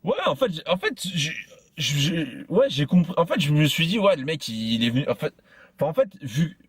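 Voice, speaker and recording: A man's voice: fairly high pitch, sing-song, moderate pace, husky, no room sound. A man telling a personal story in casual chat, stumbling and repeating himself often. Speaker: podcast host.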